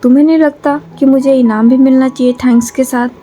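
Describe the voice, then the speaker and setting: A woman voicing a calm, teasing young man in a storybook reading. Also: high-pitched, brisk.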